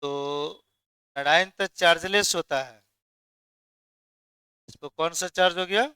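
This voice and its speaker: Male chemistry tutor, high clear voice, dry close sound, quizzes the class and supplies the answers. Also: a little slow, pushed and bright, dry recording. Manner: quizzes students, then answers his own questions. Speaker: chemistry teacher. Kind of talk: classroom lecture.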